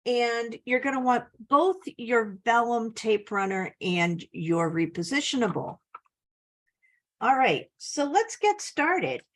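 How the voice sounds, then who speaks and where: Chatty woman teaching a scrapbook craft. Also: mid-range voice. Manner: chatty, enthusiastic, frequent little laughs. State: slight cough. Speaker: scrapbooking instructor. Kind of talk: casual craft tutorial.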